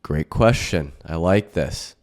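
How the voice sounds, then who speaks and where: A man's voice: a bass voice, lively intonation, takes it slowly. A young man, a financial advisor, casually reacting to a clip with many fillers. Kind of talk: reaction video commentary.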